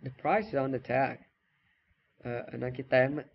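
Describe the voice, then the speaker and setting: A man with a Vietnamese accent runs a casual phrase lesson, repeating lines and explaining them with halting restarts. His voice sits at a middle pitch. The recording is a little dull, with a faint hiss behind it. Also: gravelly. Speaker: English teacher.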